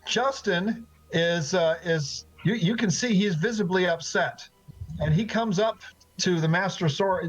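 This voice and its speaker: A man narrating a tabletop game as game master, in a halting way with many fillers and restarts, on dull lo-fi audio. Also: high voice.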